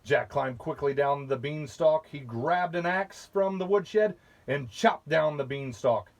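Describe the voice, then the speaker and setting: A man reading a children's picture book aloud, slowly and patiently, pausing to point out the pictures. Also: on the high side. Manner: slow, patient, with asides about the pictures. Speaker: storybook reader.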